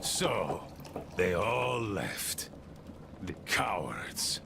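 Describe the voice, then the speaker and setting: Heavily acted and sing-song, this wounded, bitter outpost leader from a video game sneers through a scornful rant. He stretches his words slowly in a rough, gravelly voice that rises and falls in pitch, over a clear hum of ambient game sound.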